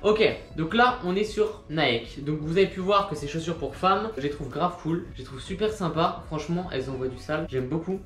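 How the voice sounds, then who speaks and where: A man's voice: on the high side, moderate pace, hardly any pauses. Chatty young man in an echoey room. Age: 20s. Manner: rambling, chatty, self-mocking asides. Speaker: sneaker vlogger. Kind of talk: casual vlog chat. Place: indoor room with a machine running. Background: machine noise and soft music.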